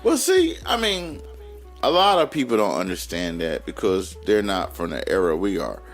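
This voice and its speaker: A man's voice: on the low side, normal speed, soft background music. A man in his forties with a Southern US accent, telling a long story on a podcast and acting out his sons' lines. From North Carolina, US. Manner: animated, laughing storyteller who acts out his sons' lines. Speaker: podcast co-host. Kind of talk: casual storytelling chat.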